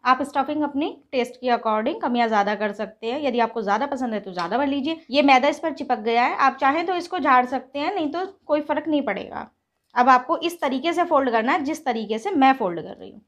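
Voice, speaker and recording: A woman's voice sits high and moves a little fast, captured with lo-fi sound. She's a cooking-channel host at home, standing by a gas stove and calmly teaching a recipe one step at a time, chatting with her viewers like friends.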